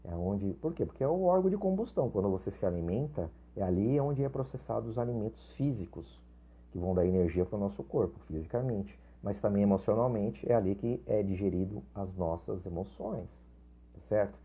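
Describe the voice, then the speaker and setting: A man's voice: on the low side, expressive, fairly quick, dark tone, slightly rough. A man giving an informal spiritual lesson, chatty, often checking in with his listeners and restarting his sentences. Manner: chatty, frequent tag questions and restarts. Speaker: spiritual teacher.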